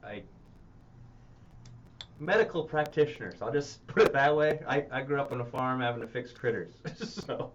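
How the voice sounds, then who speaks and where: A man's voice: mid-range voice, normal speed. A man running a tabletop game as game master, rambling and hesitant, often laughing. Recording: muffled stream audio with noise.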